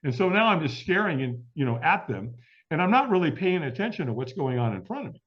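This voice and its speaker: A man's voice: a little high, big pitch swings, fast talker. A middle-aged man as an interview guest, telling a story in a vivid way and acting out the quoted dialogue. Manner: vivid, acts out quoted dialogue, laughs often. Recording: dull lo-fi audio.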